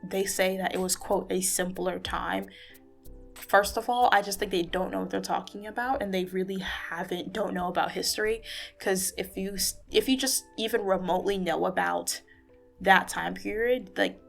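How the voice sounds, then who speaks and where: A woman's voice: mid-range voice, fairly even intonation, moderate pace, vocal fry, soft background music. A tired woman vlogging in a rambling, casual way, her voice muffled because she is recording under a blanket. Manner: rambling, with many fillers and restarts. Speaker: YouTuber. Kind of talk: casual talking-head vlog.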